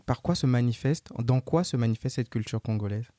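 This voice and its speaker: A man with a dark, mellow voice hosts a casual interview podcast. He talks in a relaxed, searching way, often restarting his questions. The recording is close and dry. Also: medium pitch, fairly quick, no room sound. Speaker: podcast host.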